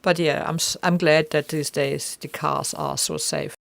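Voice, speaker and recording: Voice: mid-range voice, fairly even intonation, a little slow, creaky, a bit bright, no echo. A middle-aged vlogger from East Germany with a German accent, chatting casually and chuckling at their own jokes. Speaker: travel vlogger. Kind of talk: casual vlog narration.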